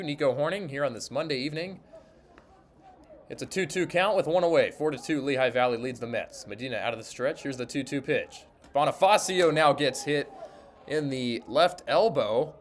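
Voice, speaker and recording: A male sports broadcaster, who also works as an interviewer, calls baseball play-by-play for radio in clipped, descriptive phrases. His voice is medium in pitch, with slight background noise from a sparsely filled ballpark.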